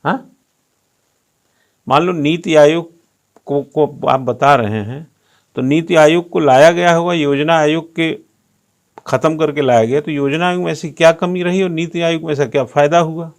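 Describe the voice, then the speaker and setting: A man's voice: on the high side, normal speed. A male coaching teacher giving a classroom lecture, firing rhetorical questions at students and teasing them while he drills pronunciation.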